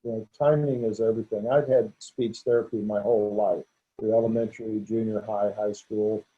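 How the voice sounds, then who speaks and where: This interview guest, a male vet in his sixties, speaks briskly in a lowish, steady, dark voice. He's candid but stutters, repeating and restarting, on dull lo-fi audio.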